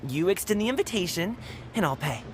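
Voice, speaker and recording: An actor voices a cheerful, generous young guard in a video game, laughing often and talking in an easygoing, friendly way. His voice is high-pitched and expressive, fairly quick, with game music in the background.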